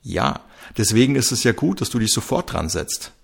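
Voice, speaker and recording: A man's voice: mid-range voice, very animated, normal speed, creaky, husky, exaggerated voice. A man voicing a curt, demanding female chief inspector in a read-aloud crime story.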